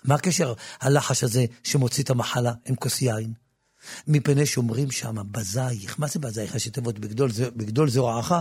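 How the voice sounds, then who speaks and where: A man giving an impassioned religious talk in a studio, often repeating and restarting words, swinging from a low murmur to loud, emphatic preaching. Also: husky, no room sound, faint music behind. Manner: frequent repetitions and restarts. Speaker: religious teacher.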